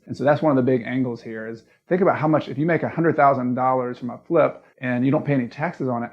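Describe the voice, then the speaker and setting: A man's voice: medium pitch, vocal fry, muffled recording. A man with a Southern US accent giving a casual, plain-spoken video lesson, explaining step by step as the host. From American South. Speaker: real estate investing educator and video host.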